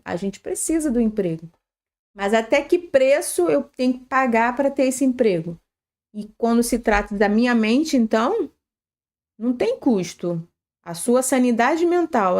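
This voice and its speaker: Her voice is on the high side and a little mellow as she answers a question during a live workplace-safety broadcast. As a panelist she offers earnest, hands-on advice, frequently tagging sentences with "tá?" or "né?" and correcting herself mid-thought.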